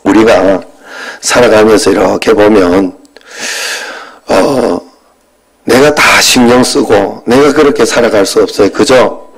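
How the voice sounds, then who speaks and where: A pastor in his fifties preaching a sermon and telling a personal story in a conversational way. His voice jumps from loud bursts to quiet asides. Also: fairly low pitch, measured pace, breathy edge, rough recording.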